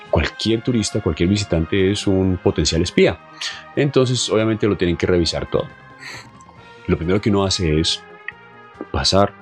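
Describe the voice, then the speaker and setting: Low-voiced young Colombian man, animated travel storyteller, chatty. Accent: Colombian Spanish. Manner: animated, chatty, fond of asides and fillers. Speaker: traveler telling his story. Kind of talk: casual storytelling.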